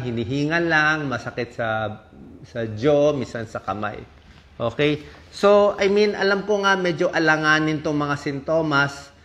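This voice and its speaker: A man's voice: mid-range voice, fairly bright tone. A Filipino man, a doctor, giving health advice in a plain talk. He explains step by step, often checks in with "okay?", and sometimes acts out what his patients tell him.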